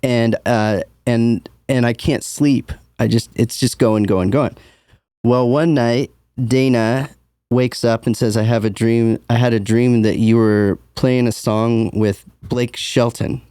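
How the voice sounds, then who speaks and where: An easygoing musician rambles through his stories in a relaxed interview chat. His voice is mellow and warm, middle in pitch. The sound is dry and close. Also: slow pace, clean tone, no room sound. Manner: easygoing storyteller, loose and rambling. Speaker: musician guest.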